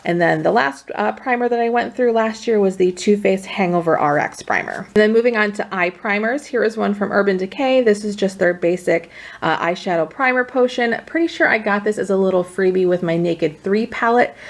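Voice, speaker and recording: Her voice is mid-range and gravelly as she works through her beauty products on camera. The chat is relaxed and informal, though pregnancy leaves her a little out of breath.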